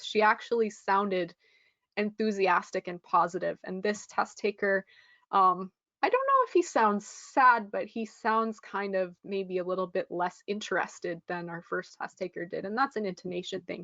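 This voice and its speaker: A woman walks a live online class through a test-prep lesson, friendly and explanatory, pausing on ums. Her voice sits at a middle pitch. The recording is dry and a bit dull. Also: a bit bright, no room sound.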